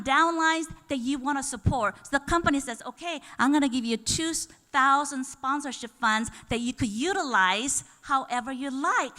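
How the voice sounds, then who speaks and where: A woman giving an enthusiastic live presentation at a sales seminar, often putting questions to the audience. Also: sits high. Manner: enthusiastic, rising to excited bursts; chatty, asks the room questions. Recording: reverberant hall.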